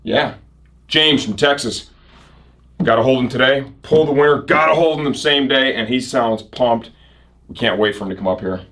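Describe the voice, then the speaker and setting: A man in his thirties hosts a casual shop sales video. His voice is mid-pitched, with upbeat, punchy salesman phrasing. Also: normal speed, fairly bright tone. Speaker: host of a motorcycle gear shop show. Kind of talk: casual sales promo presenting. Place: indoor shop set.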